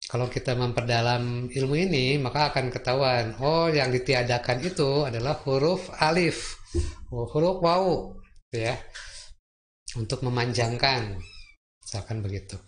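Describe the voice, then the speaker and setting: A man, a religious teacher giving a lecture, explaining slowly with many fillers and repetitions. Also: mid-range voice. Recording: echoey room with faint noise.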